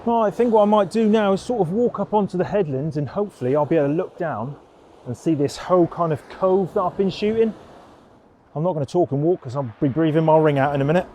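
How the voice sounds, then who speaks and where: A man's voice: fairly high pitch, fast, warm tone, a little hiss or hum. A man chatting casually as a landscape photographer, rambling in a down-to-earth way while outdoors on a coastal headland. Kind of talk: casual vlog chat.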